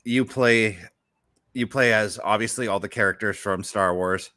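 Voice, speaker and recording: Eager man with a bright voice. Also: fairly low pitch, a little slow, no room sound, clean studio sound. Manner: enthusiastic, rambling, backtracking mid-sentence. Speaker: show host. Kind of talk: casual podcast chat about games.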